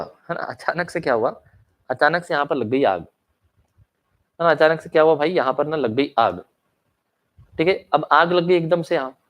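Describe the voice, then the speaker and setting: A young man teaching an online lecture, mixing English into his Hindi, asking checking questions and coughing now and then. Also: a little high. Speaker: commerce exam teacher. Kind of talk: online lecture with story examples.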